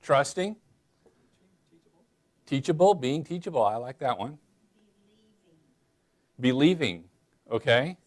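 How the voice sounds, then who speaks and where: A man preaching a casual, chatty sermon in church, asking the congregation questions and filling pauses with "um" and "uh". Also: mid-range voice, animated. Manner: folksy, chatty, many fillers, addresses listeners as y'all. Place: church sanctuary.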